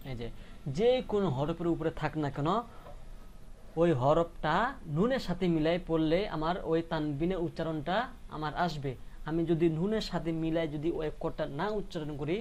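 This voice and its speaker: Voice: medium pitch, darkish tone. A teacher giving a patient, repetitive, step-by-step reading lesson that spells out syllables and keeps checking understanding.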